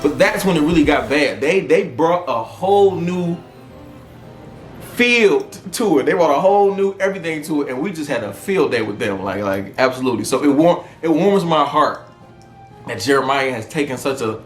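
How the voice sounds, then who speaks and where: Man, 30s, podcast host, animated and profane, higher voice, echoey room. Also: normal speed. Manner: animated, profane storytelling with frequent laughter. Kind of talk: casual comedic monologue. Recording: roomy echo with faint music.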